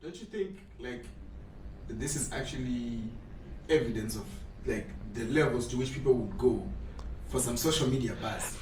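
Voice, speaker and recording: A man's voice: mid-range voice, moderate pace, darkish tone, roomy sound, far from the mic, slight background noise, poor audio. A man on a podcast, talking in a reflective, questioning way. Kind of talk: casual chat.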